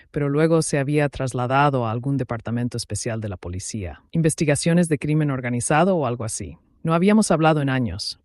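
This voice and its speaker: Man narrating a dramatic story calmly. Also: medium pitch, dry recording, clean studio sound. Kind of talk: first-person story narration.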